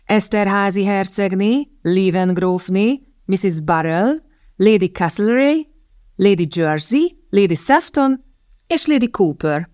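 A woman reading the lines of a sardonic young gentleman in an audiobook, in a drawling, teasing tone of mock courtesy. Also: medium pitch, animated, no echo, clean studio sound, lightly acted. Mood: dismissive.

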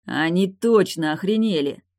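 A reader voicing an indignant, exasperated young man who talks loudly. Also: medium pitch, measured pace, no room sound, studio quality, pitched above the performer's own voice, natural voice. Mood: outraged. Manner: loud, outraged. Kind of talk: audiobook dialogue.

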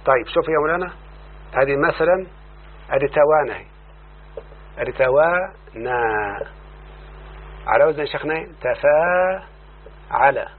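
Egyptian male teacher, slightly high voice, slow drawn-out examples, checks in constantly; tinny line, faint hum. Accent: Egyptian Arabic. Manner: keeps asking the student if he follows; repeats word forms slowly and drawn out. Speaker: teacher of Arabic morphology. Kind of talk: explaining a classical text to a student.

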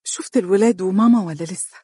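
A woman's voice: fast, mellow, slightly rough, no echo, clean studio sound, lightly acted. A man voicing a tearful, trembling Egyptian young wife. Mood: tender. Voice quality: high, trembling, weeping.

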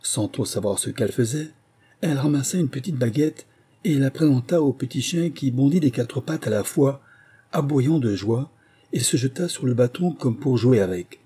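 Give me a man reading a storybook aloud, warm and a little breathy. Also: medium pitch, animated, moderate pace. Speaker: audiobook narrator. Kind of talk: scripted narration.

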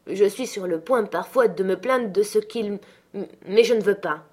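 A woman reading aloud, voicing a rough, jealous young man who speaks in an insistent, agitated way. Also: mid-range voice, normal speed, a little mellow, close to an everyday voice.

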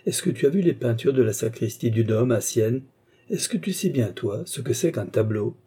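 A man's voice: medium pitch, lively intonation, normal speed, dark tone, breathy edge. A man voicing an ardent middle-aged baker's wife in a storybook reading, talking fervently and pleading.

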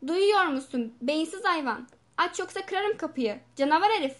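A woman playing a furious shouting asylum patient. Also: sits high, fairly quick, natural voice. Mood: outraged.

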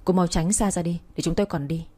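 A woman's voice: on the low side, fairly even intonation, fast, mellow, close to an everyday voice. Woman reading as a cold, curt young man. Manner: curt, dismissive. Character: cold arrogant young man, hotel owner.

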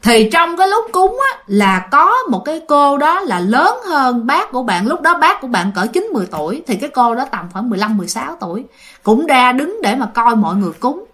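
A woman's voice: high-pitched, sing-song, brisk, fairly bright tone. Chatty Southern Vietnamese woman storyteller. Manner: chatty, addresses listeners directly. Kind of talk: casual ghost story narration.

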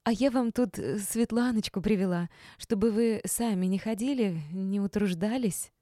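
A woman's voice: fairly low pitch, flat delivery, moderate pace, mellow, no room sound, clean studio sound, close to an everyday voice. A woman reading an audiobook, voicing a fawning, gushing woman who chirps and wheedles. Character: fawning, gushing younger woman, sugary and pushy. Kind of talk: audiobook character voice.

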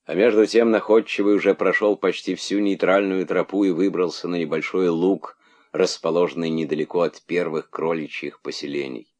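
A man reading a story aloud as narrator, in a calm storytelling way. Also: low-pitched, moderate pace, highs cut off. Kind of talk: audiobook reading.

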